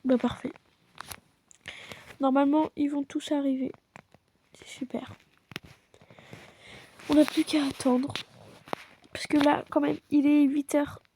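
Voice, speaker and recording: High chatty female voice, noisy home. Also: flat delivery, a little slow, long pauses, mellow. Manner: chatty, narrates each step aloud. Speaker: game player narrating. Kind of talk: casual role-play narration.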